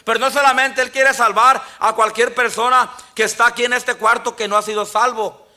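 High, bright-voiced pastor preaching. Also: male voice, flat delivery, normal speed. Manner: preaching with frequent "amén, hermanos" and quoted scripture. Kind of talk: sermon. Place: church sanctuary.

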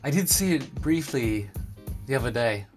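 A man's voice: mid-range voice, expressive, moderate pace, faint music behind. A man hosting a casual solo podcast, rambling and jokey, repeating phrases for emphasis. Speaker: podcast host. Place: indoor room in Tokyo.

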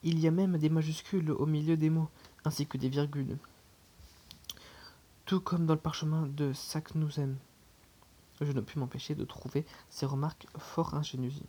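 Husky audiobook narrator, measured. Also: mid-range voice, fairly even intonation, mellow. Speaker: audiobook reader. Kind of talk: scripted narration of a classic novel.

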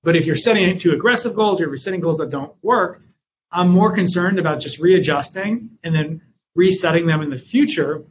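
A man's voice: on the high side, a little fast, highs cut off, a little hiss or hum. A man answering interview questions about running his company and telling stories from his business. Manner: storytelling, acts out his own past lines with rising energy. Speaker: guest, company founder and author.

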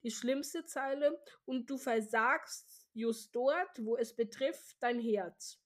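A woman reading as a slow solemn oracle. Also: on the high side. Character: raspy mist oracle voiced by ghostly card players.

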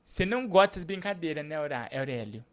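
Playful male show host, lively pitch. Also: fast. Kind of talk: live show shout-outs and banter.

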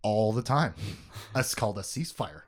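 A man's voice: on the low side, animated, moderate pace. A man hosting a podcast, recapping a book in casual chat, joking, laughing often and swearing.

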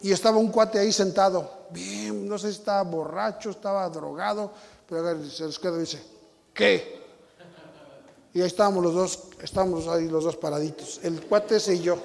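A high-pitched, gravelly Mexican preacher telling a story to his congregation, acting out sounds and rising to shouts. His voice rings with the long reverb of a large hall. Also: brisk. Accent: Mexican Spanish. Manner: animated storytelling, sound effects, shouting climaxes. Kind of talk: sermon with personal anecdote.

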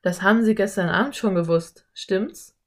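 A woman voicing a clever young boy who speaks in a calm, matter-of-fact way. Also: mid-range voice, moderate pace, close to an everyday voice. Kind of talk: audiobook character voice.

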